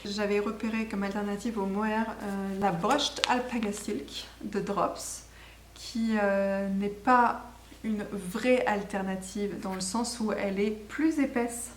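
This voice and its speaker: Hosting a knitting podcast, a woman chats casually and enthusiastically in a video podcast, rambling and correcting herself as she goes. Her medium-pitched voice has fairly even intonation and a slow pace, recorded in an echoey room with faint background noise.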